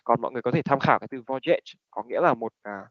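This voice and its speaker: A man's voice: mid-range voice, very fast. A man teaching English pronunciation to a class, switching between Vietnamese and English with many fillers. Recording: dull lo-fi recording.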